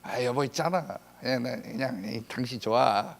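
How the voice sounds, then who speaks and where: A man voicing a wife who murmurs softly and hesitantly. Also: mid-range voice, quick pace, vocal fry, close to an everyday voice. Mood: coaxing. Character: hesitant, coaxing young wife.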